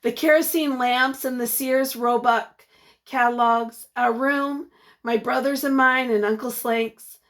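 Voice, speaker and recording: A woman with a somewhat high voice plays a teacher reading a picture book. Her delivery is lively and supportive, with breaks to pose questions to her young audience.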